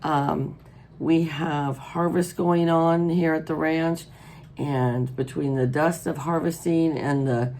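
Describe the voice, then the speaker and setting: A middle-aged American woman with a hoarse, allergy-congested voice, chatting casually as host of a hobby vlog. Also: sits low, steady tone, slow pace, darkish tone, a little hiss or hum. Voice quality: froggy, hoarse. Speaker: host of a colouring channel. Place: indoors at a wooden table.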